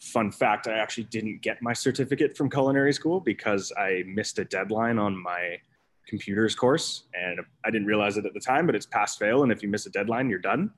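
A man's voice: fairly low pitch, fairly quick. A man, an executive chef, talking casually and rambling with many fillers and restarts. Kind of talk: casual conversational storytelling.

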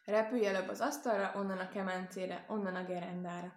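A woman's voice: medium pitch, fairly even intonation, roomy sound, lightly acted. A woman voicing a clever, helpful male rabbit in a storybook reading, earnest and persuasive. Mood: advising.

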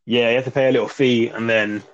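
A man's voice: mid-range voice, level tone, fast talker, dry recording, highs cut off. A man in his thirties with an urban British accent, chatting informally and matter-of-factly as a guest recounting his experiences. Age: 30s. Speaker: interview guest. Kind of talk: casual chat, recounting experiences.

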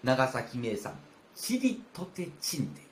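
A man's voice: medium pitch, big pitch swings, slow, a little hiss or hum, voice pushed down. A man voicing a fawning, eager male servant in rakugo storytelling, with a Kansai accent and an obsequious, polite manner. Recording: roomy with faint ambience.

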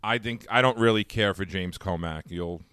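A man with a fairly low voice co-hosting a podcast in relaxed, casual chat. He laughs often as he talks. The sound is close and dry, with no room around it. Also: moderate pace, clear, resonant tone, no echo. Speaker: podcast co-host.

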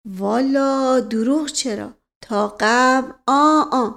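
A woman voicing a rustic old male servant who tells tall tales in a slow, folksy drawl. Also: high voice, gravelly, fairly bright tone. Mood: earnest. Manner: drawling folksy storyteller with a stock opener.

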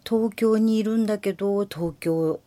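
A woman in her sixties speaking in Miyazaki dialect, hosting her own podcast in a folksy, chatty way with a few hushed asides and some admitted nerves. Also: medium pitch, measured pace, no room sound. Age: 60s. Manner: nervous, self-deprecating. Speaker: podcast host. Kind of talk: casual chat.

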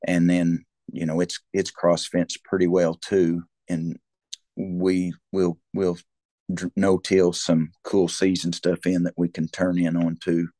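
A man's voice: deep voice, completely flat delivery, a little slow, mellow, dry recording. A man with a rural Southern US accent talking as a cattle rancher, explaining things conversationally in a folksy, rambling way with repeated words and restarts. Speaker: cattle rancher, interview guest.

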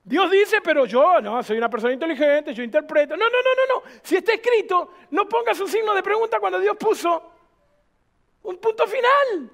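A man's voice: very high voice, lively intonation, normal speed, vocal fry, a bit bright. A man, a pastor preaching emphatically to a church, firing off rhetorical questions. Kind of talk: sermon.

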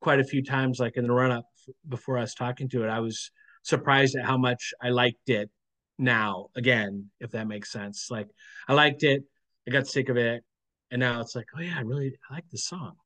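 A man appearing as a guest on a relaxed podcast, with a voice of ordinary middle pitch for a man. He feels his way through each thought, pausing on frequent "um"s and easing into his points. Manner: hesitant, thinks aloud with frequent "um"s. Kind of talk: casual podcast chat.

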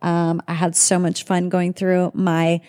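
A woman's voice: on the low side, monotone, measured pace, mellow, clean tone. A woman hosting a podcast in casual chat, talking candidly with plenty of swearing. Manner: candid, profane, chatty. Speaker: podcast host.

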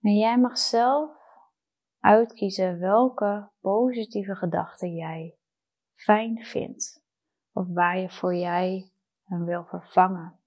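A woman guiding a meditation in a soft, soothing, unhurried manner with long pauses. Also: mid-range voice, steady tone, rough recording. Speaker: meditation guide. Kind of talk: guided meditation.

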